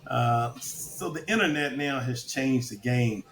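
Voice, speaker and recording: Gravelly older man telling stories. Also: medium pitch, a little slow, a bit bright, echoey room, slight background noise. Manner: storytelling with quoted voices, many fillers. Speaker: podcast guest. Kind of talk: casual advice chat.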